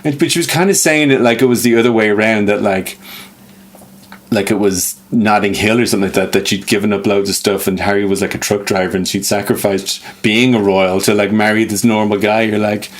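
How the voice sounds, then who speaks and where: Man, podcast co-host, lively storyteller, quick with impressions. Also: fairly low pitch. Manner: animated storyteller, slips into impressions, laughs often. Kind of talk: casual chat.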